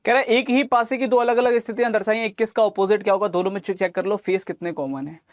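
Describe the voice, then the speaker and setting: A man's voice: high voice, fairly even intonation, fast talker, no room sound. Dry-voiced coaching teacher, man. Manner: affectionate, addresses students as lalla and mere lal; talks through calculations step by step, mixing in English terms. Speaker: reasoning teacher for exam aspirants. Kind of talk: online exam coaching lesson.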